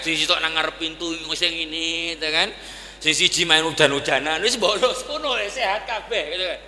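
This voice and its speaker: A man's voice: on the high side, normal speed, sharp tone, slight background noise. A man preaching a sermon in a folksy, conversational way, often asking the audience to agree. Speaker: Islamic preacher. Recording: echoey hall with long reverb.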